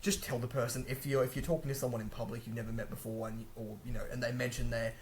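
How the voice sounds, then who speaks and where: A fast-talking man with a medium-pitched, fairly even voice gives relaxed advice on learning languages to camera in a room indoors, over slight background noise. He rambles and chats, making frequent restarts and self-corrections.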